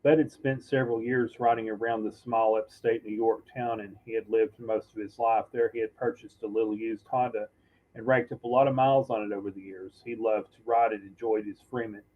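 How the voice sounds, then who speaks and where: A man reading a novel aloud in a halting, unpolished way, often stumbling and correcting himself. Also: on the low side, steady tone, narrow, tinny audio. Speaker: reader. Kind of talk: amateur audiobook reading.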